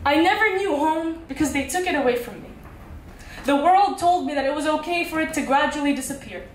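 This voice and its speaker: A woman's voice: sits high, animated, brisk, a little hiss or hum. A young woman from Qatar performing spoken word poetry at an open mic in a small cafe, chatting before she recites in a rhythmic, repeating cadence. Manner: conversational intro, then rhythmic repeated-line recitation. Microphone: handheld mic, filmed by a far camera. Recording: roomy, distant camera recording.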